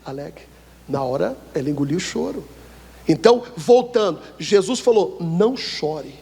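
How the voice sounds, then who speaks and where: Male Brazilian pastor, sermon, breathy voice, hall reverb, church. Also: animated, moderate pace. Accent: Brazilian Portuguese. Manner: asks the church questions for them to answer; swings between loud high preaching and low quiet lines.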